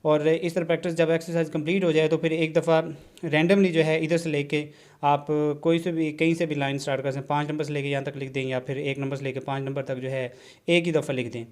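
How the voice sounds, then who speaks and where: A man's voice: on the high side, flat delivery, brisk. A man teaching a shorthand lesson on video, explaining step by step, checking in often with a short "okay" and mixing English terms into his talk. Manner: explanatory, repeats "theek hai ji", mixes English terms into Urdu. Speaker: shorthand instructor. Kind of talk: classroom-style video lesson.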